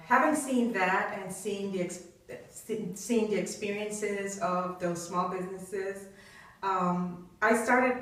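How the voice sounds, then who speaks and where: A woman's voice: mid-range voice, fairly bright tone. Middle-aged woman from Trinidad and Tobago. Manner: thoughtful, with frequent fillers. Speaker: interview guest, business professor. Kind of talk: conversational interview. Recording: echoey room, distant mic.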